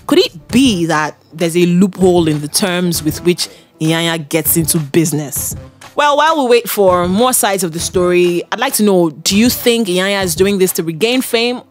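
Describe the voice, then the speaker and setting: A woman reads a scripted entertainment gossip segment in a slightly low voice. She weighs in with opinionated, conversational asides, with a soft music bed running underneath. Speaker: entertainment news presenter. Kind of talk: scripted celebrity gossip commentary.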